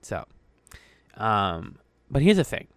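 Male podcast co-host, casual and playful, smooth resonant voice, dry close mic. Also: lowish voice, very animated, takes it slowly, dry recording. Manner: chatty, playful, trails off with fillers.

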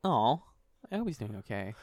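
A man's voice: mid-range voice, sing-song, normal speed, dry recording, studio quality. A man co-hosting a casual podcast, joking and laughing as he reads entries aloud. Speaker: podcast co-host.

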